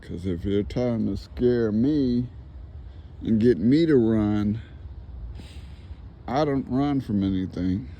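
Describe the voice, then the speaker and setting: A man's voice: on the low side, takes it slowly, pauses often, muffled recording, slight background noise. A man speaking casually as a paranormal investigator, putting questions to spirits and commenting to the camera outdoors. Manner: repeats the answers back as questions. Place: outdoors near woods.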